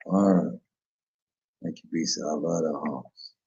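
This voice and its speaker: On his solo sports betting talk show, a man rambles casually in slang, often stopping to correct himself. His voice is extremely low and mellow, and he takes his time. The audio has a dull, lo-fi quality.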